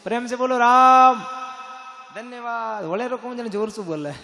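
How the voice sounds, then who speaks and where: High-voiced Rajasthani preacher singing bhajans. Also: male voice, moderate pace. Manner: alternates singing and animated preaching to a crowd. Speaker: religious storyteller. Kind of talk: devotional katha with sung bhajans. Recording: echoey hall with music.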